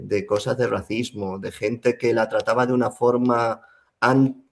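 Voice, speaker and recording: A young man talks it over in an interview. His gravelly voice sits at a middle pitch. He thinks aloud and often restarts his sentences. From Spain. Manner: reflective, many fillers and restarts. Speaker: Spanish teacher, guest. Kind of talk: casual interview talk.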